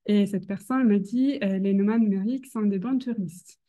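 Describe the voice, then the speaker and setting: A young woman with a foreign accent, a non-native speaker, gives an academic presentation hesitantly, often pausing to search for words. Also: mid-range voice, mellow. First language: not French. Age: young adult. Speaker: doctoral researcher presenting.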